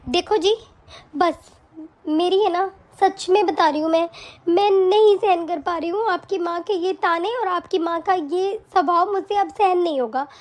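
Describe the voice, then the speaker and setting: A woman's voice: extremely high pitch, measured pace. A woman voicing a young, put-upon daughter-in-law in a cartoon, pleading and hurt. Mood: fed up. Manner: pleading, soft-spoken. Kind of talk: cartoon voice acting.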